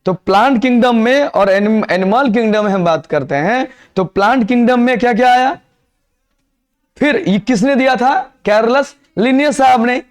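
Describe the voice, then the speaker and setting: A high-voiced biology teacher lectures his class at a moderate pace, switching freely between Hindi and English terms. He keeps firing questions at the students and answering them on his own.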